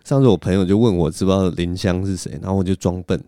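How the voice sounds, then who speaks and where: A man's voice: deep voice, fast talker, dark tone, smooth, dry recording. A man hosting a solo podcast, telling stories in a rambling, self-mocking way on a close mic. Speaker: podcast host. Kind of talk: casual solo storytelling.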